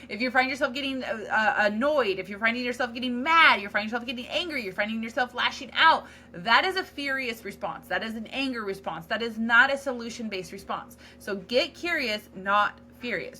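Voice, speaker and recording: A woman's voice: on the high side, bright, forceful tone, a little hiss or hum. A woman hosting a solo podcast, talking in a candid, earnest, self-reflective way with casual fillers and restarts. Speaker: podcast host.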